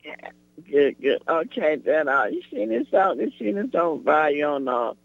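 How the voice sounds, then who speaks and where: A man calling in to a radio show over the phone, halting and repeating words as he talks. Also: on the high side, sing-song, creaky, no echo. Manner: halting, repeats words while searching for them. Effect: voice heard over the phone. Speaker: radio call-in caller. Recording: tinny dry phone line.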